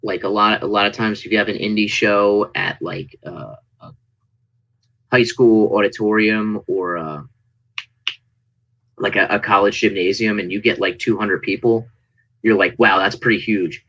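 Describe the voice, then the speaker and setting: Man, lowish bright voice, casual interview storytelling, animated reactions, somewhat muffled lo-fi sound. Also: a little slow, creaky, long pauses. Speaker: interview guest, indie wrestling performer. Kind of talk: casual interview chat, anecdotes.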